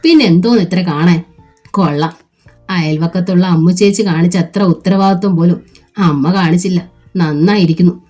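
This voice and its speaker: A woman's voice: fairly low pitch, moderate pace, warm tone, soft background music, natural voice. A woman reading a novel aloud, voicing a blunt, indignant young sister-in-law who asks pointed questions. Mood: reproachful.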